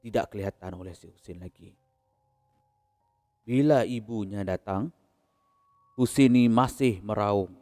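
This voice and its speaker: A man with a Malaysian Malay accent narrating a horror story in a casual, unhurried way, chuckling between beats. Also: on the low side, darkish tone, big-room sound, soft background music.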